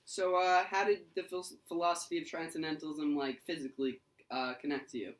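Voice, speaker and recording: A man's voice: on the high side, little pitch movement, fairly quick, poor audio. A young man hosting a mock interview in an amateur school skit, asking questions with hesitant uhs.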